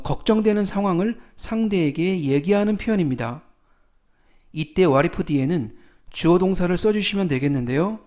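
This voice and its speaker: A man teaching English phrases in a calm, methodical lesson, often repeating key words and example sentences. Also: sits high. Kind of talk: slow explanatory lesson.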